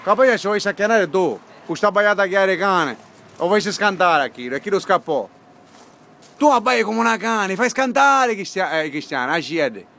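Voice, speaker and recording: Man, Sicilian dialect and accent, lively swooping intonation, higher-pitched voice, teasing casual chat, noisy ambient recording. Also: moderate pace, creaky.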